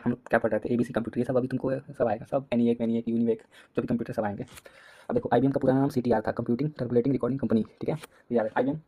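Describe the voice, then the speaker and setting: A young man giving a casual exam-prep lesson, talking in a quick, repetitive way and often clearing his throat. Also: medium pitch, mellow. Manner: rapid, repetitive, casual, addresses students as "bhai". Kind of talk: fast late-night revision lecture.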